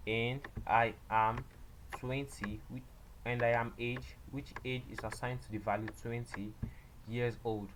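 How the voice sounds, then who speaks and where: Man teaching code over loud background noise. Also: medium pitch. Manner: halting, repeats phrases while explaining step by step. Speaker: programming tutor. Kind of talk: screen-recorded coding tutorial.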